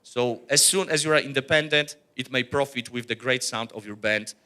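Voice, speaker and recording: Bright-voiced man giving a talk. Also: medium pitch, normal speed. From Poland. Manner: earnest, blunt, with many "uh" fillers and restarts. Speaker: workshop presenter, rock musician. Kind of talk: workshop presentation.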